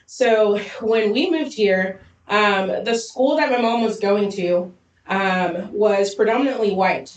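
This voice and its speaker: A woman from Zambia chatting as a podcast co-host, talking fast and telling her stories with a laugh. Her voice sits at a middle pitch. The mic is set back from her, and the room gives it a clear echo. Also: a little hiss or hum. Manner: fast, lively storytelling with frequent laughs. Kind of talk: casual chat. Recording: roomy echo, distant mic.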